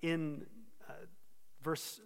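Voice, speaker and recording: A man preaching an expository sermon, earnest and steady, pausing to correct himself now and then. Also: fairly high pitch, smooth, big-room sound. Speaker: pastor.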